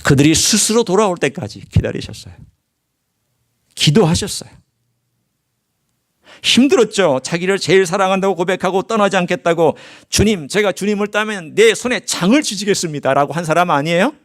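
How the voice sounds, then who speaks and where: A man's voice: high-pitched, expressive, fairly quick. A male pastor delivering a sermon in a church, reading scripture aloud and putting rhetorical questions to his congregation. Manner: reads scripture aloud in formal biblical diction. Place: church sanctuary.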